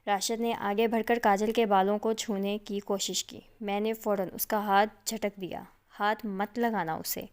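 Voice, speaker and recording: Woman narrating a dark suspense story. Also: medium pitch, level tone, hardly any pauses, smooth.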